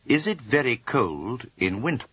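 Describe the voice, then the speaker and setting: A man's voice: mid-range voice, big pitch swings, a little slow, sharp tone, slightly rough, no echo. A man asking scripted questions in a language-course dialogue. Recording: dull lo-fi audio.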